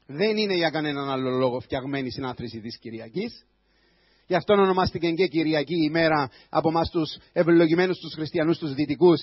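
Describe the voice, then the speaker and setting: High-voiced preaching man, dry dull sound. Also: husky, dry recording. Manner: preaching with a rising voice, shouting at times. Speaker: pastor. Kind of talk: sermon.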